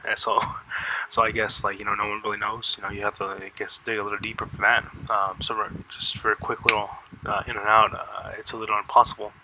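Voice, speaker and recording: A man rambling through casual commentary at a close mic, halting with many fillers and restarts. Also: on the low side, level tone, noisy background. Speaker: YouTuber. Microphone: close desk mic.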